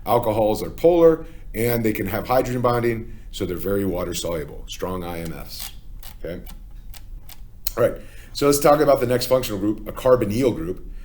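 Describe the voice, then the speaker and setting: A man's voice: on the low side, lively intonation, moderate pace, darkish tone. A man with a Philadelphia accent, teaching a chemistry lesson step by step and often checking in with "okay?". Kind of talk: classroom lecture.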